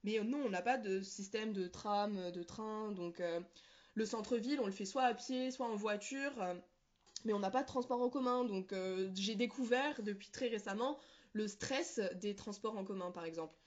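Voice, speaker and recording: A woman's voice: mid-range voice, moderate pace, highs cut off. A woman from New Caledonia answers interview questions casually, searching for words and correcting herself. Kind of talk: casual interview answers about personal experience.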